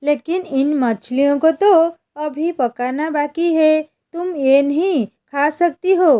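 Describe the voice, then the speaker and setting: A woman's voice: high-pitched, takes it slowly, dark tone. A woman voicing a cautious village neighbour woman who pleads with her friend. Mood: worried.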